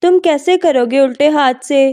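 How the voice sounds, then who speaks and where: A woman's voice: high-pitched, moderate pace, warm tone, natural voice. A woman reading a novel aloud, voicing a stubborn, caring young woman. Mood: insistent. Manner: insistent.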